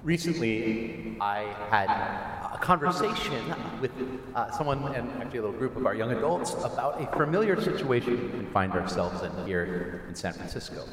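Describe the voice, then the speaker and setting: Guy giving a chatty homily, medium pitch, pausing a lot, big church reverb. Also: big pitch swings, fairly bright tone. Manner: hesitant, informal, with frequent pauses. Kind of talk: conversational homily. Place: large church. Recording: echoey church hall, long reverb, faint noise.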